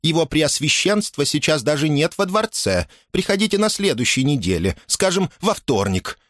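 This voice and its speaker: A stern, shrill housekeeper woman in an audiobook, put on by a male reader. She scolds in a high, strained tone, adamant and sharply indignant. The sound is dry and close. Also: very animated, moderate pace, a bit bright, dry recording. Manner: adamant, rising to frantic indignation. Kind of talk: audiobook character reading.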